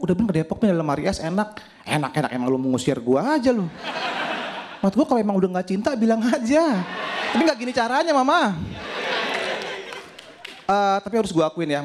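A young man with a Jakarta accent tells stand-up stories on a stage. His voice sits a little high and swings widely, leaping up for the punchlines. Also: a little hiss or hum. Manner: animated storytelling, voice jumps up for punchlines. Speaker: stand-up comedy contestant. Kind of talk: stand-up comedy routine. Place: stage before a studio audience.

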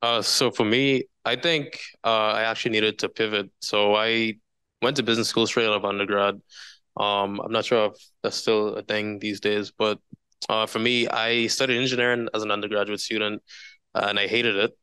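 Crisp, flat-voiced man on a panel. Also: lowish voice, normal speed, no room sound. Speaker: alumni panelist. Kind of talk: answering on a live panel. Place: large university lecture hall.

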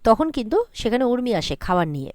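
A woman's voice: on the high side, sing-song, darkish tone, no echo. Dry-voiced woman recapping a serial. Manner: brisk retelling with frequent "she says" tags. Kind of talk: casual spoken episode recap.

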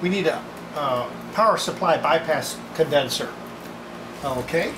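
Unhurried and lively in intonation, a low-voiced older woman talks matter-of-factly while demonstrating repairs as a restorer. Her casual, hands-on narration comes from a spacious home workshop filled with loud sanding and rubbing sounds.

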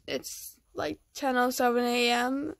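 A young woman with a high, creaky voice hosts casual gameplay chat in a quiet, hushed manner. She sounds freshly woken and tired, with a bright edge and a close, dry sound. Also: steady tone, slow pace, dry recording. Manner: quiet, hushed, so as not to wake someone asleep. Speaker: gaming vlog host. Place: indoors at home.

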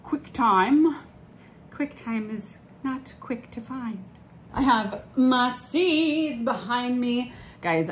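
A woman's voice: mid-range voice, slight background noise. A woman in her thirties, a flower farmer, chatting enthusiastically in a casual vlog from her basement seed-starting room on a handheld phone camera.

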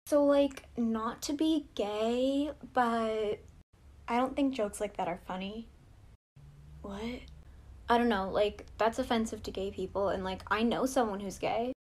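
A woman's voice: fairly high pitch, measured pace, a little mellow. A woman playing a clueless, rambling straight girl. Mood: awkward. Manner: rambling with lots of "like".

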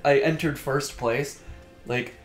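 A man's voice: medium pitch, fairly even intonation, slow pace, reverberant, faint music behind. A man co-hosting a podcast, chatting casually about video games and laughing often. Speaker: podcast co-host.

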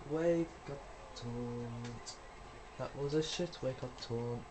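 A man's voice: medium pitch, slow, background noise. A young man giving rambling, casual commentary while playing a video game, swearing when things go wrong. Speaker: gaming YouTuber.

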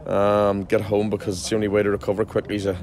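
A man's voice: lowish voice, monotone, quick pace, a little mellow. A man in his forties, a football manager, giving a chatty post-match interview outdoors at a ground at night, restarting sentences often. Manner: chatty, frequent restarts and fillers.

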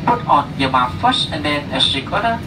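A man's voice: on the high side, expressive, normal speed. Vietnamese man's flight safety demo over noisy cabin PA. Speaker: flight attendant making cabin announcement. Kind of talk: flight safety demo announcement, scripted and bilingual. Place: inside an airliner cabin. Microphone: cabin PA picked up by distant camera. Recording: noisy aircraft cabin PA, distant. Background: loud aircraft ambience.

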